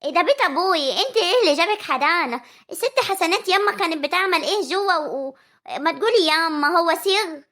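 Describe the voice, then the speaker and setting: A woman's voice: extremely high pitch, animated, bright, forceful tone, heavily acted. Woman playing a complaining young village daughter. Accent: rural Egyptian Arabic. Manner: quick, complaining, nagging.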